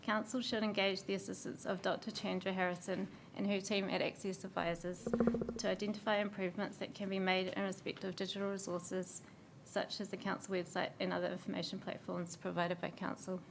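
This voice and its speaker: A New woman with a hoarse, fading voice reads a formal submission at a council hearing, steady and measured with small slips. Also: mid-range voice, background noise. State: hoarse, losing her voice.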